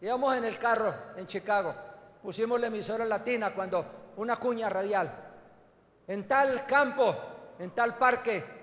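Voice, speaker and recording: High-voiced older preacher, echoing hall. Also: male voice, a bit bright. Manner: emphatic storytelling, calls listeners "hermano". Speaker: apostle and pastor. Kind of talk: testimony sermon. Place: church hall. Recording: echoey church hall with long reverb.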